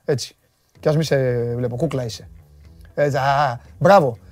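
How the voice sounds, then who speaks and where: A man hosting a live stream, greeting viewers and reading their comments in a playful, teasing way with sudden loud bursts. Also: mid-range voice, no room sound, soft background music. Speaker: host.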